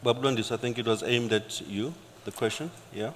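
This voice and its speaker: A man moderating a panel, polite and brisk, keeping the questions moving. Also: mid-range voice, fairly even intonation, fairly bright tone. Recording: echoey conference hall, faint noise.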